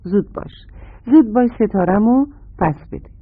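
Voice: mid-range voice, expressive, slight background noise, natural voice. A storyteller voicing an angry little squirrel child who insistently demands his lost star, in a children's radio story. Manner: insistent, scolding shouts. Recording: tinny phone-like radio sound, dry.

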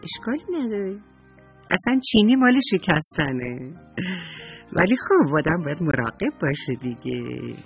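A man's voice: fairly high pitch, big pitch swings, vocal fry, faint music behind. A man telling a story to children, speaking to them directly and affectionately. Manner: warm, addresses children affectionately.

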